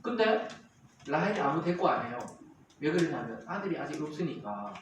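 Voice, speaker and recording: Animated pastor in a very echoey church. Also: male voice, on the high side, moderate pace. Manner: animated, acts out quarrels in character voices. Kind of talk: sermon. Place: church sanctuary. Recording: very echoey hall, distant mic, faint noise.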